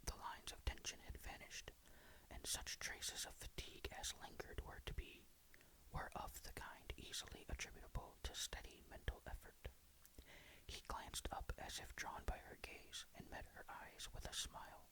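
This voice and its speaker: A person reading a ghost story aloud in a breathy whisper, hushed and suspenseful, close to the mic. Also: normal speed, poor audio.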